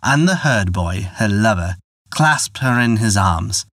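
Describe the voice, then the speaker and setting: A man narrating a folktale in a measured, expressive storytelling manner on a close mic. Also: fairly low pitch, dry recording.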